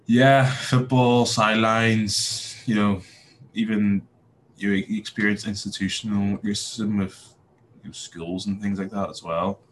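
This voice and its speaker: Speaking unhurriedly in a lowish, steady voice, a young man from Northern Ireland chats casually as a podcast guest, his Belfast accent clear. He hesitates a lot, with many fillers and restarts. The audio is poor, with slight background noise.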